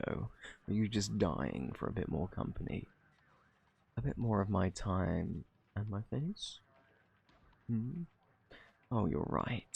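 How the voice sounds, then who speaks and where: A man voices a flirtatious British gentleman thief for an ASMR roleplay, cunning and shameless. Low, husky, and gravelly with fry, his exaggerated voice drawls and swoops smugly, teasing and taunting while feigning innocence in a flirty, taunting mood.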